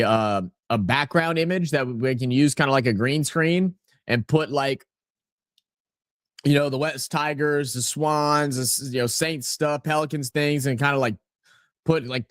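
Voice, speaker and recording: A man hosting a live watch-along of a soccer match, giving casual play-by-play and reading out chat messages in a relaxed, rambling way. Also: medium pitch, dry recording, clean studio sound.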